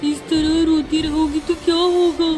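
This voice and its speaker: A woman voicing a caring young husband in an animated story, consoling his wife. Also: very high voice, measured pace, soft background music, low-quality recording. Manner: concerned, consoling.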